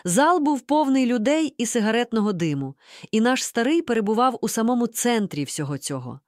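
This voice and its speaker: Woman narrator for a storybook audiobook, animated pitch, dry close mic. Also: brisk, no echo. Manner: lively, expressive first-person storytelling. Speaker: audiobook reader.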